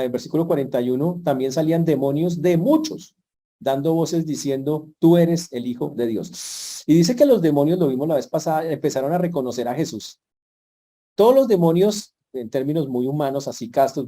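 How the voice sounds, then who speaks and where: A male pastor with a deep, mellow, dark tone. He preaches in an easygoing, conversational way and breaks off for playful asides. His pitch sits in an ordinary middle range. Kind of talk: sermon.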